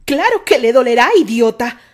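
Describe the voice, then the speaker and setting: A woman's voice: a little high, measured pace. A woman voicing an angry, protective young man in a storybook romance. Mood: furious. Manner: barks at the other man.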